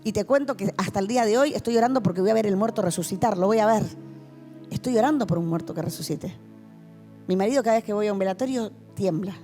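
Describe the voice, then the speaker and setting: A woman's voice: mid-range voice, fast talker, warm tone, soft background music. A woman pastor with a Rioplatense Spanish accent, giving a passionate testimony sermon to a youth meeting in a church hall. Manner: passionate, vivid storytelling.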